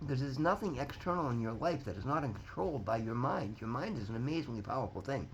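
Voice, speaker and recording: A man's voice: mid-range voice, animated, fast, a little hiss or hum, low-quality recording. Earnest man in his fifties, rambling. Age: 50s. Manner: earnest, rambling, repeats words and restarts, often says "guys". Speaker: vlogger sharing recovery story. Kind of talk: casual motivational talk to camera.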